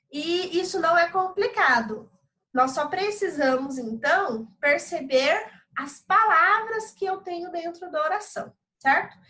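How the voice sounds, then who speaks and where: High-voiced Brazilian woman teaching a class. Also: sharp tone, poor audio. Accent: Brazilian Portuguese. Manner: explaining step by step, with frequent tag questions. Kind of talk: recorded online class lecture.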